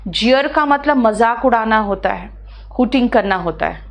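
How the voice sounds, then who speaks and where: Indian woman teacher, fairly high voice, reads English lines slowly and explains them in Hindi to her students. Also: lively intonation, creaky. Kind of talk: live online class, answering student questions.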